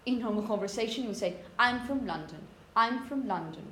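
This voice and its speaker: Bright and forceful, a woman's slightly high voice moves a little fast and expressively as she lectures phonetics students, emphasizing example words and often checking they're with her. The indoor classroom recording carries echo and background noise.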